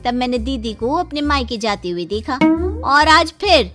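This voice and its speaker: A woman's voice: high-pitched, animated, moderate pace, fairly bright tone, faint music behind. A woman voicing a nosy, tattling young daughter-in-law in a cartoon, with a prying, complaining tone. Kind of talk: cartoon voice acting.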